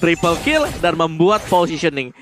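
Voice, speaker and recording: A man's voice: on the high side, very animated, moderate pace. A man with an Indonesian accent giving analytical commentary on an esports match. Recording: noisy live broadcast commentary.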